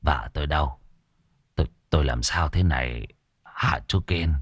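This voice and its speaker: A man voicing a shaken older village man who speaks quietly and falters. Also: a bass voice, moderate pace, breathy edge, no echo, studio quality, voice pushed down.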